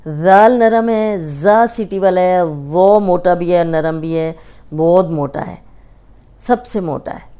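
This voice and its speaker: A woman's voice: fairly low pitch, slow, mellow, smooth. A woman teaching Quran recitation, patiently drilling each sound by drawing it out.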